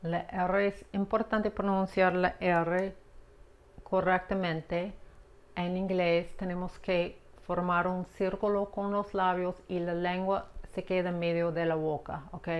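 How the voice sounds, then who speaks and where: Slow, patient woman teaching pronunciation. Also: on the low side, level tone, dull audio. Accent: American English accent on the English words. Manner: patient, drills words slowly, asks "¿ok?" often. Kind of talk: slow pronunciation lesson with repeated words.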